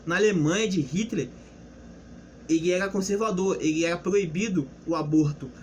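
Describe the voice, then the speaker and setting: A young man with a high, darkish voice gives an unscripted history lesson at a normal pace. As a history presenter he explains things loosely, restarting and posing rhetorical questions, with slight background noise behind him.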